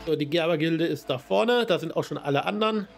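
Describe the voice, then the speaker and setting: A man's voice: fairly high pitch, brisk, creaky, faint music behind. A man streaming a game, chatting casually, muttering to himself and greeting viewers. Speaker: let's play streamer. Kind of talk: casual gameplay commentary.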